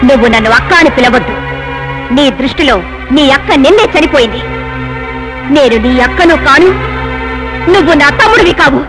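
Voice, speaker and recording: In a dubbed film drama with loud music on the soundtrack, a woman plays a proud, unmarried elder sister, her high voice expressive and brisk with frequent pauses, and the audio is poor. She speaks sternly and indignantly, then pleads through tears.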